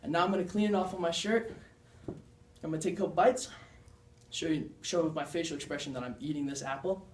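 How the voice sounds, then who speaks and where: A man's voice: a little high, a little fast, a little hiss or hum. Young man giving a class talk from afar. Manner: earnest, demonstrating signs while explaining. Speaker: student presenter. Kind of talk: class presentation. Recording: echoey room, mic far off.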